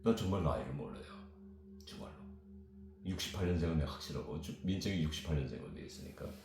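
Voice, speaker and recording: A man in his fifties, from South Korea, tells stories in a rambling, animated way. His voice sits low. The room is very echoey, with music playing behind him. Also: fast, gravelly. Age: 50s. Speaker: guest. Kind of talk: storytelling chat.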